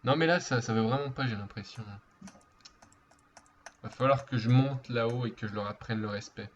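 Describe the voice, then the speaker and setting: A man's voice: medium pitch, normal speed. A man talks casually while streaming a game, rambling from one joke to the next. His voice sits mid-range, and the stream audio is a little dull, with a faint hiss behind it. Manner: joking, rambling, playful. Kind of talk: casual gaming chat.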